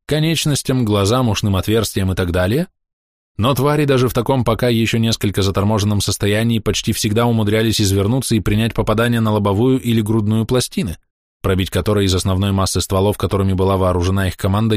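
A man reading a fantasy novel aloud as audiobook narrator, in a steady storytelling manner. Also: lowish voice, fast talker, dry recording, clean studio sound. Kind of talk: scripted narration.

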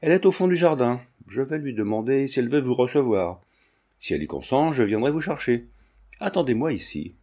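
A man's voice: medium pitch, big pitch swings, brisk, warm tone. A man reading the part of a surly, reluctant manservant who grumbles his replies in an audiobook. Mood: grumbling. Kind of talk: audiobook character voice.

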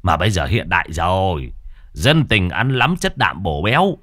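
A man's voice: low voice, sing-song, bright, forceful tone, dry recording, clean studio sound, heavily acted. A man voicing a crude, middle-aged father who sells vegetables and swears as he talks. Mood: scoffing. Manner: coarse, swearing, brisk.

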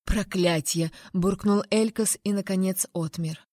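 A woman's voice: mid-range voice, steady tone, normal speed, a little mellow, no echo. Woman narrating an audiobook, dry sound. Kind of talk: first-person fantasy romance narration.

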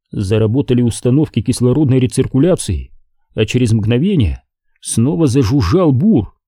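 A man reading a dark sci-fi horror novel aloud as an audiobook narrator. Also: mid-range voice, slightly rough, dry recording, clean studio sound. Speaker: audiobook reader. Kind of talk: scripted narration.

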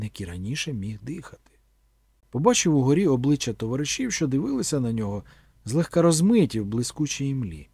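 Male audiobook narrator, husky voice, lively pitch, dry close recording. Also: no echo. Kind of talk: scripted narration.

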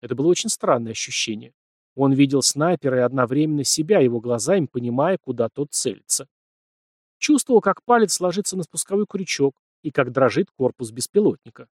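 A man reads an audiobook aloud with a mid-range voice. His delivery is scripted storytelling that climbs in pitch to stress key beats. The recording is close and dry, with no room sound. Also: animated, a little fast, no room sound. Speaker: audiobook narrator.

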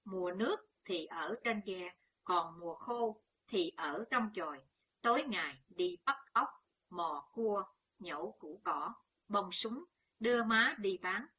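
An old peasant mother frets and scolds in a slow, bright, faintly husky voice, as a woman narrator puts her on. She speaks as a storybook character. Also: medium pitch, lively intonation, muffled recording, exaggerated voice. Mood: fretful. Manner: anxious, scolding. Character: worried older peasant mother.

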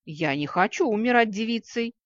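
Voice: mid-range voice, big pitch swings, normal speed, a bit bright, slightly rough, no echo. A reader voicing a gushing jealous noblewoman. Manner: gushing, whining. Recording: dry, slightly dull recording.

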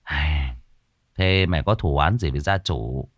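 A man playing a stern young exorcist master who questions a ghost in a low, gruff, clipped voice. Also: lively intonation, moderate pace, no echo, studio quality. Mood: stern, pitying.

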